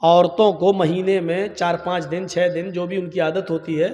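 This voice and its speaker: A male preacher gives an emphatic sermon, building to shouts and pointed rhetorical questions. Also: high-pitched, flat delivery. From Uttar Pradesh, India. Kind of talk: Islamic sermon at a public gathering. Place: large public gathering with a PA system. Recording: echoey PA sound with long reverb.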